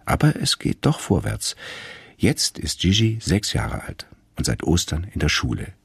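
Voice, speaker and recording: A man reading a radio story aloud in a calm, measured storytelling manner. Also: sits low, vocal fry, slightly rough, no room sound. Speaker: narrator.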